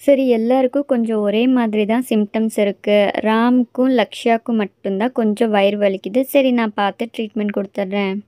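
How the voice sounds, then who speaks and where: A woman voicing a doll doctor who calmly reassures scared children. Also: a little high, brisk, no echo, clean studio sound, natural voice. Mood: calm, soothing. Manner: soothing, reassuring.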